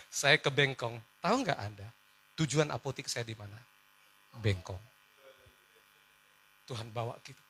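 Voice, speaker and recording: A male pastor preaching, telling a personal story in an animated way, swinging from loud outbursts to hushed words. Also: mid-range voice, takes it slowly, long pauses, slight background noise. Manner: animated storytelling, switching between shouts and hushed tones, laughing along.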